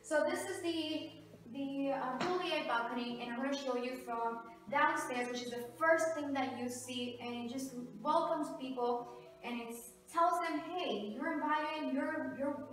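A home renovation vlogger with a high, fairly bright voice speaks a little slowly as she gives a casual home tour to the camera. She's in the hallway and stair landing of a large two-storey house, and the camera mic sits a few metres away, so the sound is very echoey and distant.

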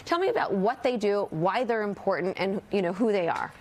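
A middle-aged woman hosting a lifestyle segment in a TV studio kitchen, upbeat and chatty with quick affirmations. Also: mid-range voice, big pitch swings, darkish tone. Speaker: TV host.

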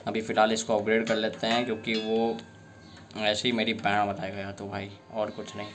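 A young man with a sore throat giving excitable live commentary while playing a fighting game, often bursting into exasperated complaints. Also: lowish voice, brisk. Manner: excitable, frequent exasperated outbursts. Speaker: gameplay streamer.

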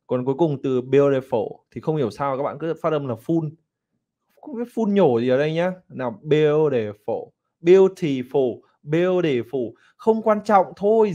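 A man with a Vietnamese accent teaching English pronunciation online, animated and slowing down to demonstrate and repeat words. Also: fairly high pitch, muffled recording.

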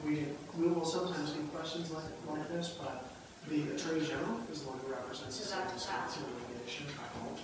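A man working in a government office, answering in a halting, defensive way with many restarts. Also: fairly high pitch, a crowd in the background. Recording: echoey, distant, noisy room.

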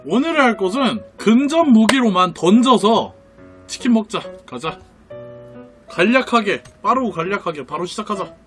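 A gamer chats casually with a friend while playing, in a very animated, mid-pitched voice. The talk is insistent and bossy, with free swearing. Some music plays behind. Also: moderate pace. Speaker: gaming video creator playing a battle royale game. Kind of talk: casual game commentary with a friend.

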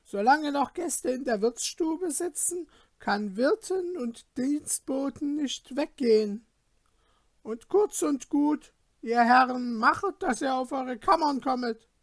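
A man's voice: very high-pitched, animated, takes it slowly, no room sound, clean studio sound, voice pushed up, exaggerated voice. A man voicing a stern, grumpy innkeeper woman who scolds her guests in a storybook reading. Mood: angry. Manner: curt, scolding. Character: stern grumpy middle-aged female innkeeper.

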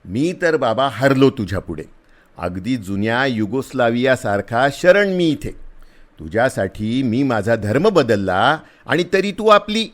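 A man playing a big, rough soldier who is blustering but kind, talking loudly in a scolding, teasing way. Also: medium pitch, very animated, a little slow, voice pushed up.

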